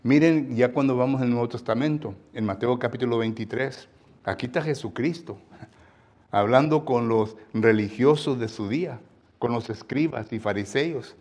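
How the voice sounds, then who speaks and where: A man with a Mexican Spanish accent preaching a sermon, talking in a chatty way with frequent tag questions and loud stressed emphasis on scripture. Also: medium pitch, normal speed.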